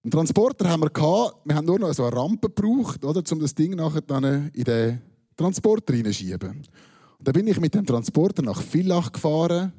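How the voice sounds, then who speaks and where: Man, Swiss German accent, self-mocking storyteller, dry punchlines, animated pitch, husky dark tone. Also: brisk. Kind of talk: personal anecdote told to an audience.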